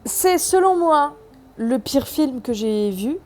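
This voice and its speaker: A woman's voice: sits high, expressive, takes it slowly, a little mellow, faint music behind. A South American woman who has lost her accent, giving a sarcastic, slangy film review in casual vlog style.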